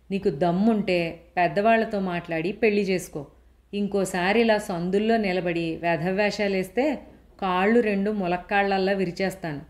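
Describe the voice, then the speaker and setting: A woman's voice: lowish voice, a little mellow, close to an everyday voice. A woman voicing a bold older housewife who scolds and mocks bluntly.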